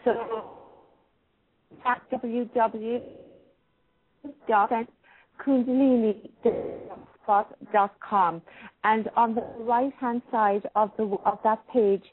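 A woman co-hosting informally, giving out information and asking questions in a husky voice. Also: mid-range voice. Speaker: co-host. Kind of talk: informal hosting, reading out web addresses. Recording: tinny phone-like line.

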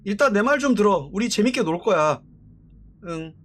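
A man voicing a sinister unseen male tempter who coaxes a child in a low, slow, menacing tone while reading horror game subtitles. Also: animated, a bit bright. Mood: coaxing, sinister.

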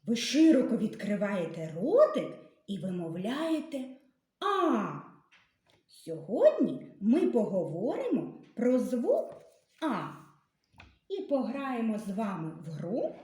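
A woman's voice: fairly high pitch, big pitch swings, warm tone. A woman teacher giving a literacy lesson to young children, asking questions, answering them herself and drawing out the vowel sounds. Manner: sing-song, drawn-out sounds, questions then answers to children. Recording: echoey room.

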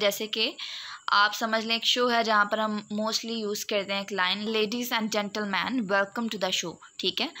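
A woman giving an exam-prep lecture, explaining step by step, checking in with the learners and reading example sentences slowly. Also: on the high side, bright, forceful tone. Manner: reads English example sentences slowly and deliberately. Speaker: online tutor.

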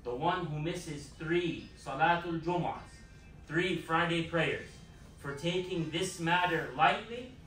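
A man's voice: on the high side, fairly bright tone, a little hiss or hum. A man giving a Friday sermon as imam in a mosque, emphatic and repeating his key phrases. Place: mosque prayer hall. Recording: echoey hall, mic far off.

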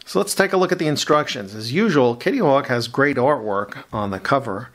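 A middle-aged man talks through a model kit review at his home hobby desk in a relaxed, easygoing way, full of ums and uhs. He sounds at an even, middle pitch, recorded by a desk webcam. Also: fairly quick. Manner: relaxed, chatty, many fillers. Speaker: scale model builder, channel host. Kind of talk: casual build review.

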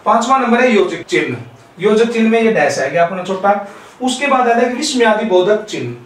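A male school teacher giving a lesson to children, explaining slowly and patiently with everyday examples. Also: high voice, animated, slight background noise. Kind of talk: classroom lesson. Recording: very echoey room, voice from far off.

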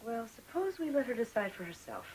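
A middle-aged actress playing an earnest visitor from a recovery group in a 1970s TV movie, patient and hesitant. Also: female voice, on the high side, sing-song, brisk, darkish tone, slight background noise, poor audio.

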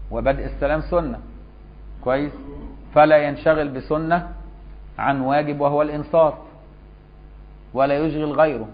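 A man with an Egyptian accent teaching a religious law lesson. He reads a text aloud, then explains it in everyday speech, often checking with "got it?". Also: fairly high pitch. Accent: Egyptian Arabic. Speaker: Islamic scholar teaching a fiqh lesson. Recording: slightly dull lo-fi lesson recording.

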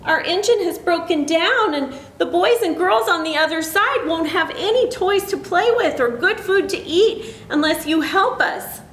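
Storybook casting: female reader as small toy figure, very high voice, excitable and earnest, echoey room. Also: normal speed. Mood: pleading. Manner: pleading, excitable. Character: little male toy clown and dolls, eager, pleading. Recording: echoey room with faint noise.

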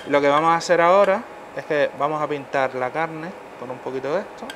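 This middle-aged chef speaks a little fast, his voice fairly high and fairly bright. Surrounded by the clatter of a professional kitchen, he demonstrates a dish one step at a time, often pausing to ask "vale" to make sure his listener is following.

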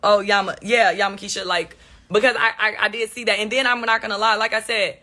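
A woman with a bright, forceful voice vents live on her phone, defensive and quick to sarcasm. She talks straight to her chat. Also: medium pitch, fairly even intonation. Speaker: livestreamer. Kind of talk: venting on a livestream.

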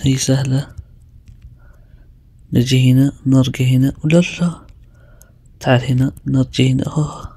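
Young man, casual gameplay commentary, quick exclamations. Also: medium pitch, darkish tone, no room sound. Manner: chatty, talks himself through moves with quick exclamations. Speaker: gaming video creator.

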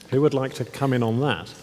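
A middle-aged man with an ordinary mid-pitched voice moderates a panel, courteous and a little halting, repeating words as he goes. A headset mic catches him, with a long reverb from the big church hall. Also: darkish tone. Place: large church hall with audience.

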